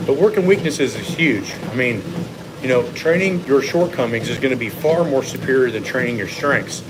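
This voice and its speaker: A man's voice: medium pitch, moderate pace. A man coaching casually on a livestream while walking on a treadmill, explaining and giving his opinions to viewers. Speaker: fitness coach hosting a live Q&A. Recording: clear steady machine noise behind voice. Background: treadmill or machine hum.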